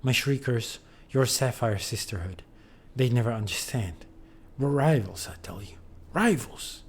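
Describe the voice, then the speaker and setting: A man's voice: medium pitch, moderate pace, slightly rough. A man reading the lines of a tree-woman gang leader in a melodramatic, pleading way.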